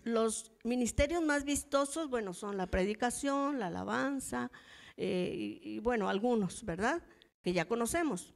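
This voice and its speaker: A woman's voice: mid-range voice, creaky. A middle-aged woman with a Mexican Spanish accent, teaching in church and telling personal stories in a conversational way, often asking the audience to agree. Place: church hall.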